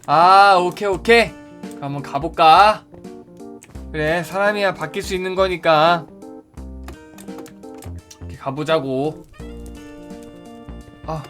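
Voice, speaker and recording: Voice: mid-range voice, slow, long pauses, fairly bright tone. An actor playing a timid, gullible bullied schoolkid in a Minecraft skit, stammering and thinking aloud. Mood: hopeful muttering. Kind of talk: acted Minecraft skit dialogue. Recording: music behind the voice.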